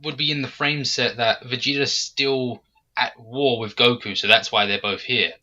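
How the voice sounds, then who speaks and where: A man hosting a casual fan podcast, talking in an animated, critical way and jumping high when he acts out quotes. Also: normal speed, highs cut off. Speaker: podcast host.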